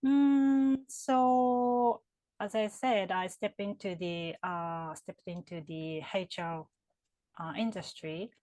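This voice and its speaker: Warm, steady and mid-range, this woman's voice moves slowly in a recording without echo. She has a Japanese accent, works in HR consulting and career counseling, and answers interview questions with care, using many fillers and frequent restarts.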